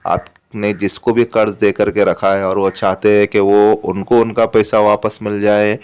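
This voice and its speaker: A man's voice: on the low side, clear, resonant tone. A man teaching a spiritual remedy step by step, patient and repetitive, restating each point several times. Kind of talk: step-by-step religious instruction.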